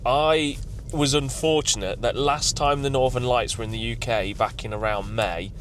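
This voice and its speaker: A man who works as a tree consultant, vlogging about his day in an excited, rambling, emotional way from his car. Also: mid-range voice, normal speed, a little hiss or hum. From England. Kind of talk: vlog. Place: outdoors at night, then in a car.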